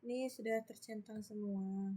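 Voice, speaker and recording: A woman's voice: mid-range voice, fairly even intonation, moderate pace, mellow. A young woman with an Indonesian accent, a student narrating her screen-recorded network lab, spelling out commands letter by letter as she types. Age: young adult. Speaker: student presenting a lab exercise. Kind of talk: screen-recorded tutorial walkthrough. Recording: faint background noise.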